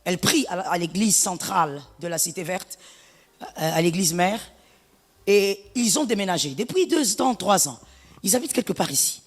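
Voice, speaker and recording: A middle-aged woman pastor delivering a sermon, animated and half-singing some phrases, breaking into shouts. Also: on the low side, normal speed, breathy edge, big-room sound. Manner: animated preaching, lapsing into sung phrases and shouts.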